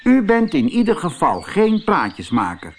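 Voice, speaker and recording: A man's voice: high-pitched, huge pitch swings, moderate pace, slight background noise, voice pushed up, exaggerated voice. Man speelt Antonio, een simpele jongen. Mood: earnest. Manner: loud, eager calling. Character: simple, blunt boy Antonio.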